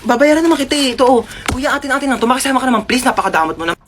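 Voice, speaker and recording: A woman with a slightly high voice acts out quick comedy skits, jumping from one character to the next in a playful, exaggerated way. A faint hiss of noise sits under her voice. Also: lively intonation. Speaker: comedy skit creator. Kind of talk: comedic skit acting, playing several parts.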